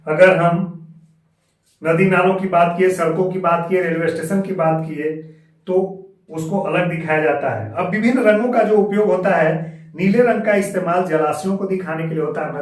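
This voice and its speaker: A man teaches a school geography lesson in a patient, step-by-step way, restating each key term in Hindi and English. His voice sits fairly high for a man and comes from a little way off the mic. The room around him is heavily echoey. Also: far from the mic.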